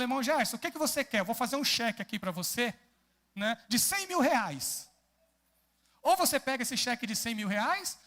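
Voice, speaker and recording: A man's voice: very high voice, a bit bright. A man with a Brazilian Portuguese accent preaching an expository sermon in a church, often putting questions to the congregation. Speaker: pastor.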